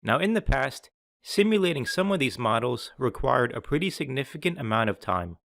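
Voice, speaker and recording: With big pitch swings, vocal fry, and a fairly bright tone, a man reads scripted tutorial narration in a mid-range voice at a moderate pace. He explains the technical material in an orderly way, and the sound is dry, lacking room echo.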